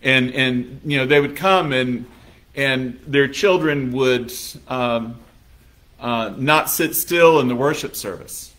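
A man's voice: medium pitch, takes it slowly, fairly bright tone. A man preaching a sermon as pastor in a conversational manner, now and then acting out little scenes in quoted voices. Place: church sanctuary.

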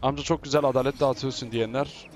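Man, gaming commentary, excitable, shouty, faint background hiss. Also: medium pitch, fast talker. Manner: excitable, shouting and teasing while playing. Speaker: gaming YouTuber. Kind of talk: live gameplay commentary.

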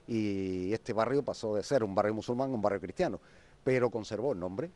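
Low-voiced man guiding a street tour. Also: mellow. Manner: unscripted, with frequent restarts and fillers. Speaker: local historian guide. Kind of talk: walking tour explanation. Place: outdoors on a town street. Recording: local TV street report.

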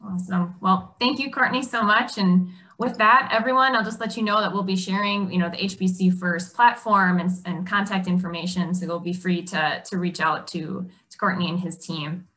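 A woman's voice: fairly low pitch, fairly even intonation, normal speed, few pauses, bright, forceful tone. A woman hosting an online forum on a video call, thanking a guest and handing over to the next session. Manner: friendly, handing off to speakers. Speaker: forum host. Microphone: webcam on a video call.

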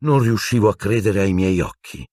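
Man voicing Lupin, calm and measured. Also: fairly low pitch, dry recording, studio quality, pitched above the performer's own voice, lightly acted. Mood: explaining. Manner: measured, explaining, mildly impatient. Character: calm, patient middle-aged male wizard teacher.

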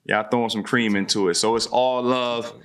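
Bright-voiced, upbeat man co-hosting. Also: mid-range voice, fairly even intonation, normal speed. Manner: upbeat, hype-man banter. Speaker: podcast co-host. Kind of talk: casual podcast conversation. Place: home room. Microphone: earbuds, video call.

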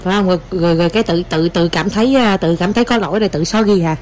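A woman's voice: on the low side, racing, a crowd in the background. A woman with a Southern Vietnamese accent, a mother at home teasing and coaxing her toddler in a casual vlog. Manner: playful, teasing, coaxing baby talk.

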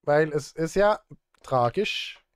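A male music streamer and composer talks casually while he works on a livestream, playfully addressing chat and muttering to himself in a small indoor room. His smooth voice sits on the high side, moving slowly with lively intonation and no room sound.

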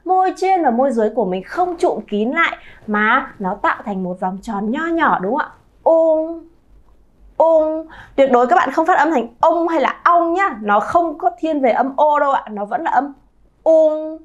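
A woman in her thirties teaching pronunciation to her viewers, lively and drawing out sounds to model them. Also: high-pitched, brisk, muffled recording. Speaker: Chinese teacher, channel founder. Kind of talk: pronunciation lesson to camera.

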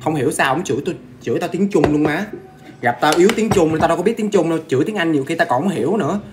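Chatty man, slightly high voice. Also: animated, rapid-fire, background noise. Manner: chatty, addresses viewers directly, eats while talking. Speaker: ghost story host. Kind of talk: casual livestream storytelling.

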